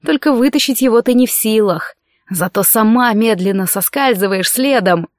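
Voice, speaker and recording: A woman reading an audiobook, voicing a scheming young male sorcerer who speaks in a soft, coaxing, insinuating way. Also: a little high, moderate pace, dry recording, clean studio sound, lightly acted.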